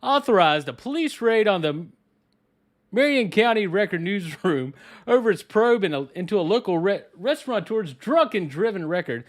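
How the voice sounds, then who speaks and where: A man's voice: high-pitched, big pitch swings, moderate pace, voice pushed up. A man playing an eager jobless male news anchor who talks earnestly and stumbles over his words in an improvised comedy bit. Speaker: comedy podcast co-host.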